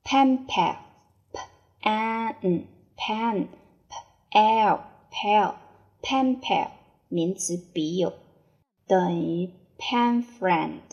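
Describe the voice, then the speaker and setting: A woman teaching English vocabulary in Chinese, saying each word three times slowly before giving its meaning. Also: medium pitch, a little mellow, muffled recording. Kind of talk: slow word-by-word spelling and dictation drill.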